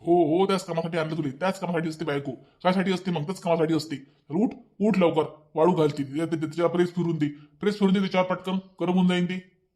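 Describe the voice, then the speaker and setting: A man voicing a bossy, petulant young husband in a cartoon, with a Vidarbha Marathi accent, nagging and repeating himself in rapid bursts. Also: on the high side, fairly even intonation, a little mellow, lightly acted. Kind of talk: cartoon voice acting.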